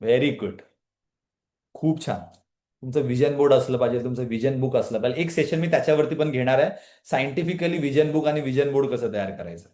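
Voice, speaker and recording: A man's voice: mid-range voice, roomy sound. A man leading a live online motivational session, questioning his listeners and prompting them to answer in the chat. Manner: energetic motivational talk, questioning the audience, often addressing a live chat. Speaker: trainer leading a women's empowerment session.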